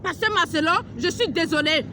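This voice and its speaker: A woman's voice: extremely high pitch, normal speed, noisy background. A woman preacher delivering a fervent, scolding prophetic message outdoors at a beach, repeating her phrases and firing rhetorical questions. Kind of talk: impassioned outdoor preaching to camera.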